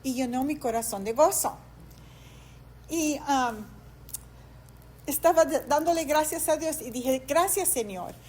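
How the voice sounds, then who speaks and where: High-voiced woman pastor preaching. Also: measured pace, pauses often. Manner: heartfelt, animated storytelling with hesitant fillers. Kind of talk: sermon. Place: church sanctuary.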